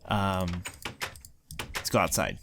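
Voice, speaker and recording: A man's voice: low voice, very animated, slow pace, vocal fry, background noise. A man casually narrating a tour of a game world, rambling with lots of ums and likes. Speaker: let's play co-host. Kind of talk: casual gameplay commentary.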